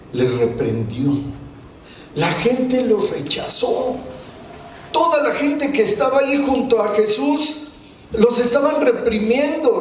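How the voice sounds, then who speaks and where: A man with a Mexican Spanish accent preaches a sermon to his congregation, his voice sitting fairly high. He keeps asking rhetorical questions and pushes hard on the key words. The recording rings heavily around a church hall and catches him from a distance. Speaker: pastor. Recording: very echoey hall, voice from far off, faint room noise.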